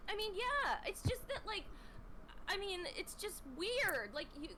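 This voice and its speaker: A woman in a heated argument, upset and accusing, speaking haltingly. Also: extremely high pitch, very animated, a crowd in the background. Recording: noisy clip recording.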